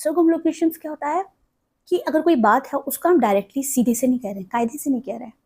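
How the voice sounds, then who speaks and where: A woman teacher giving a vocabulary lesson, slowly spelling out English words and repeating them, asking a question and then answering it herself. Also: high-pitched, a little mellow.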